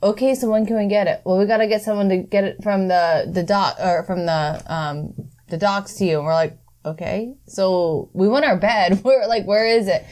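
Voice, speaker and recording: A woman's voice: mid-range voice, moderate pace, darkish tone. Woman telling wry, sarcastic stories. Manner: storytelling, wry and sarcastic, acts out others' lines. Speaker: guest. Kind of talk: casual chat.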